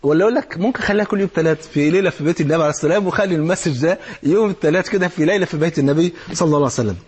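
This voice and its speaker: A husky, breathy-voiced man preaches in a colloquial Egyptian accent. He speaks very quickly with a slightly raised pitch. He stays animated throughout and keeps asking his listeners whether they follow. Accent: Egyptian Arabic. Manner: animated, acts out little dialogues, coaxing rhetorical questions. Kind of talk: colloquial religious advice talk.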